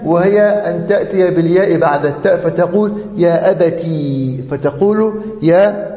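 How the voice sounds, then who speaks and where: A sheikh teaching a grammar lesson, chanting verses slowly and drilling examples for his class. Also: high-pitched. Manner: slow, drawn-out chanting of Quran verses and example forms; repeats examples to drill the class, checks in with the students. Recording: dull, echoey lecture hall audio.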